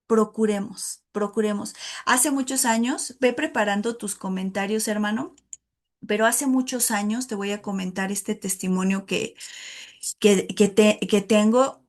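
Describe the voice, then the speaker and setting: A woman's voice: medium pitch, steady tone, a little slow. A woman giving an informal, emotional sermon to a women's Bible study, calling her listeners "hermano" as she tells a personal testimony. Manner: addresses listeners as "hermano" often, emotional and earnest.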